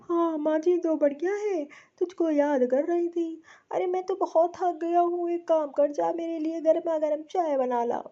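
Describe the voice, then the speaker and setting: A woman's voice: very high-pitched, fairly even intonation, measured pace, hardly any pauses, warm tone, pitched below the performer's own voice. A woman voicing a tired husband in a cartoon, blunt and ordering his sister about. The recording is dull and lo-fi. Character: tired husband back from the village. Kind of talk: cartoon voice acting.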